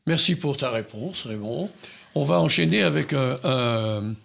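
A male radio host with a very gravelly, creaky voice, talking through a music programme in an unhurried, hesitant way with plenty of pauses and fillers. His pitch sits mid-range. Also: expressive, a bit bright. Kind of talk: radio music talk show.

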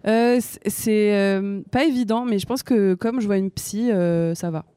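In a dry recording, a young woman from France who writes and sings her own songs speaks in a clear, resonant, mid-range voice, a little slowly. Her interview manner is casual, soft-spoken and hesitant, full of fillers and restarts.

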